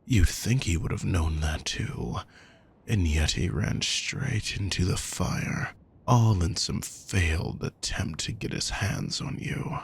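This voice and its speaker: In an intimate roleplay audio, a man voices an aristocratic villain with a very deep, exaggerated voice full of heavy creak and a raspy, breathy edge. Possessive and quietly menacing, he treats the listener with condescending, darkly sardonic courtesy, sounding darkly amused.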